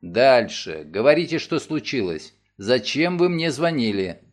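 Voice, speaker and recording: A man voicing a calm, terse middle-aged lawyer, asking short clipped questions in a lower, level voice for an audiobook. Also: unhurried. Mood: curt.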